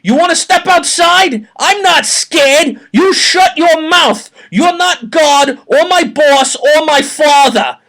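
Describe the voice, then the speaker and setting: A man's voice: fairly high pitch, moderate pace, natural voice. Man doing a short, raging Brooklyn guy. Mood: furious. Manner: shouting, aggressive ranting. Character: short angry New York man, hot-tempered.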